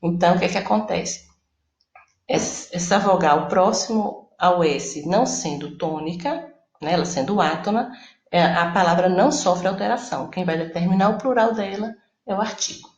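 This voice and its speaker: A woman teacher whose first language is Portuguese walks through a lesson one step at a time. Her voice has a gravelly edge, and the room around her gives it a noticeable echo. She checks in with the class again and again as she explains. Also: fairly low pitch, moderate pace, a little mellow. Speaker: Spanish teacher. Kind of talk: recorded lesson.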